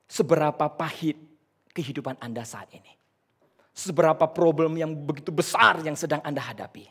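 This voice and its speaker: A man preaching a sermon, telling stories and swinging dramatically between loud and hushed delivery. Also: a little high, normal speed, slightly rough. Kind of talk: sermon with storytelling.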